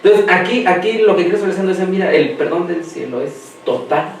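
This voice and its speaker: A man preaching a sermon who quizzes the congregation and lets them finish his sentences, slowing down to read scripture aloud. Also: sits high, expressive, creaky, slight background noise. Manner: slows down when reading scripture aloud. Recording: echoey hall, mic far off.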